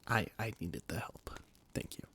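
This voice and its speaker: Whispering in a sharp tone and a little slowly, a man voices a flustered, formal royal adviser in an audio roleplay. The scripted monologue is marked by frequent stammering.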